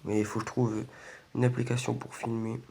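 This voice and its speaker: Strained by a sore throat, a man's weak, congested voice comes through slightly croaky as he casually commentates on a video game for his gaming video. His voice is mid-range and warm, with a level tone and a slightly fast pace.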